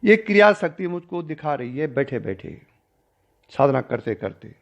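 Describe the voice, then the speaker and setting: An older man, a spiritual teacher, recounting a personal story in a discourse and acting out the dialogue with changing pitch and loudness. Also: big pitch swings, normal speed, gravelly. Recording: dull lo-fi recording.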